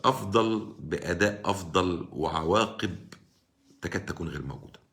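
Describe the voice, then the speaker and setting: A man with an Egyptian accent talks politics casually and combatively on a live stream, responding to viewers by name. Heard through a live-stream mic, his voice is low and fairly bright, delivered at normal speed.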